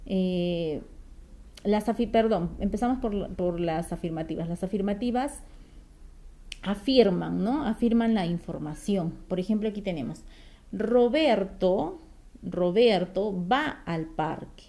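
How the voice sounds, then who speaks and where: A woman teaching a grammar lesson to children, patient and careful, often checking in with a quick question. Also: medium pitch, dark tone. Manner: slow, careful explaining with fillers and restarts.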